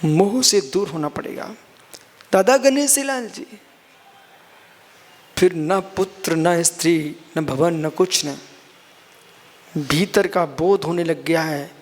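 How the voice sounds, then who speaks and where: Jain monk, sermon delivery, expounds verse line by line, speaks to listeners like family, high voice. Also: male voice, steady tone, slow, in a large hall. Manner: explains scripture line by line, addresses listeners as son and brother. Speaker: Jain monk giving a discourse.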